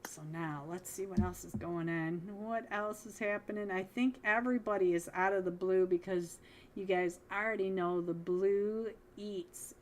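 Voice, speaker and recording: A woman calling a mobile esports match alone, chatty and upbeat, with bursts of excitement at big plays, and losing her voice. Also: medium pitch, normal speed, a little hiss or hum. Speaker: esports caster. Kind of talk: solo live game commentary.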